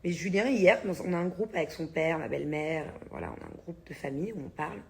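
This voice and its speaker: Chatty woman in her thirties, low voice. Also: quick pace, gravelly, darkish tone. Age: 30s. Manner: chatty, blunt, swears casually, laughs often. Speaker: vlogger. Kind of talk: casual chat vlog.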